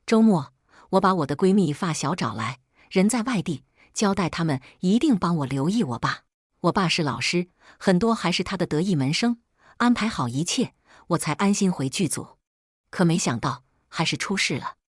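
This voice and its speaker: A woman's voice: fairly low pitch, animated, normal speed, slightly rough, no room sound, studio quality. A woman narrating a first-person audiobook story in a dramatic storytelling manner.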